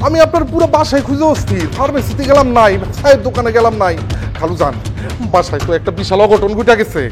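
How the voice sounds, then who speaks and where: A man's voice: very high voice, animated, quick pace. An actor playing a young male house caretaker, fussy and scheming, speaking in an anxious way. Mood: fretful. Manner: anxious, calls everyone uncle-in-law. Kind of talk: TV comedy drama. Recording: music bed under dialogue.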